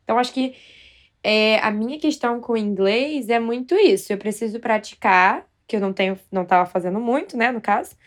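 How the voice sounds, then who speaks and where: A woman's voice: fairly high pitch, a little fast. A Brazilian woman co-hosting a casual podcast, telling stories in a bold, self-mocking way. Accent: Brazilian Portuguese. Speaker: podcast co-host.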